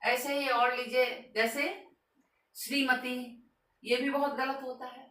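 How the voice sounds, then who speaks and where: A woman teaches a grammar lesson at a slow, deliberate pace, her voice bright and fairly high. She repeats each word with care and stresses the correct form. She sounds a little far from the mic in an echoey room. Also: little pitch movement. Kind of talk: board lesson on spelling.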